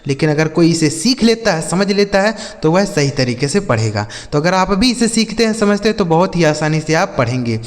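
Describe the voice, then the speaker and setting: Guy giving a lesson, quizzes the viewers then answers, bit high pitched, echoey hall. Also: big pitch swings. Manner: spells the letters out slowly. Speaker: English teacher. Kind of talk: spoken lesson.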